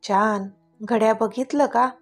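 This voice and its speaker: A woman voicing a caring young husband who talks in a worried, hurried way in a storybook reading. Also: fairly high pitch, steady tone, soft background music.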